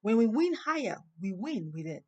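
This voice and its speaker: Woman preaching slowly with emphatic rises. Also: on the high side, sing-song, dark tone. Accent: non-native English. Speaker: host. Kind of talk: inspirational monologue.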